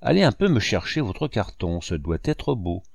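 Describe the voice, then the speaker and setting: A man's voice: fairly low pitch, very animated, normal speed, creaky, a little mellow, breathy edge, no echo, clean studio sound, heavily acted. A man reading a storybook voices a jovial older male painter bantering with his niece.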